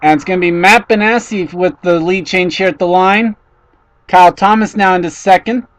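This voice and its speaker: A man with a high voice calling a race play-by-play. He reels off positions and names, then gets excited and loud when cars bang together. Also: moderate pace, no room sound, low-quality recording. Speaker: race commentator. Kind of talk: play-by-play commentary.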